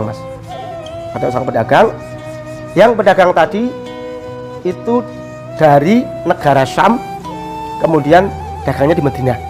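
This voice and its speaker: A high-pitched man talks through a religious tale in a relaxed, conversational way. He slips into animated voices for the people in the story. Soft music plays faintly underneath. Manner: animated, acts out quoted characters with raised pitch. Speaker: religious teacher explaining a kitab. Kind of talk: casual storytelling explanation.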